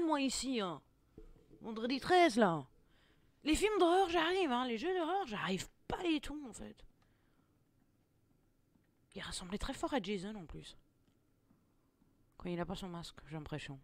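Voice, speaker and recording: A young woman narrates her gameplay with expressive exclamations and quick jokes. Her mid-range voice swings up and down freely, and the recording is dry and close. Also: on the high side, no echo. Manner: expressive, exclaiming, jokey, laughs often. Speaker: gaming video creator. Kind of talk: let's play commentary.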